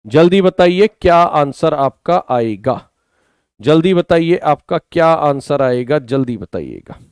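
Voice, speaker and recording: A male English teacher with an Indian accent, hoarse from a sore throat, patiently explains vocabulary online in a mix of Hindi and English, nudging his students to reply. His voice is a little high and darkish, with lively intonation and an unhurried pace. The studio-quality recording has no echo.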